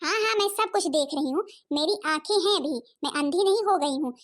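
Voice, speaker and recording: Woman doing a cartoon mother-in-law, very high voice, nagging, accusing, sharp-tongued. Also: expressive, fairly quick. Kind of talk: cartoon voice acting.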